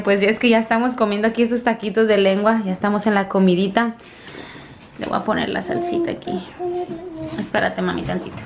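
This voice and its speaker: A woman's voice: mid-range voice, background noise. A woman vlogging from home, chatting casually with her viewers and often addressing them as girls. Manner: chatty, warm toward viewers, often calls them "chicas". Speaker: family vlogger, mother.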